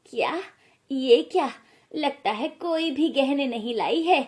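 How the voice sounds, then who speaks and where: A woman voicing a gossiping older aunt in an animated story, nosy and mocking in her manner. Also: high voice, measured pace.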